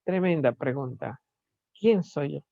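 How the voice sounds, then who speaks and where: A lecturer giving a recorded philosophy class, talking slowly and searchingly, pausing often and asking rhetorical questions. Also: medium pitch, expressive, creaky, dark tone, no room sound, highs cut off. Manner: slow, searching delivery with many pauses and rhetorical questions.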